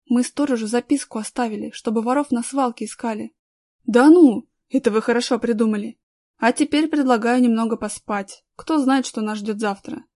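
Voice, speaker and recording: A woman voicing a gruff homeless man who urgently orders the boys around, in a storybook reading. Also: a little high, moderate pace, a little mellow, no echo, studio quality, lightly acted.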